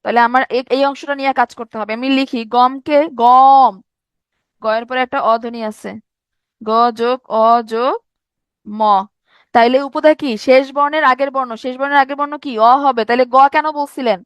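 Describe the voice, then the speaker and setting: A woman teaches an online grammar lesson. She is lively and teasing as she quizzes her students. The sound is close and dry, with no room echo. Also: sits high, moderate pace, clean tone.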